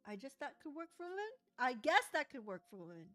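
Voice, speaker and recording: A woman's voice: sits high, very animated, quick pace, a bit bright. A young woman chatting casually and playfully while she crafts in her journal, joking and giggling as she talks to viewers. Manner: playful, giggly, sings snatches of songs.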